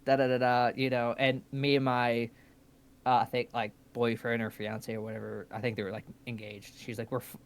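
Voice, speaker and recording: A man's voice: medium pitch, moderate pace, creaky, a little hiss or hum. A young man co-hosting a live stream, telling stories in casual chat and swearing freely. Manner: animated storyteller, swears a lot. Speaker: stream co-host.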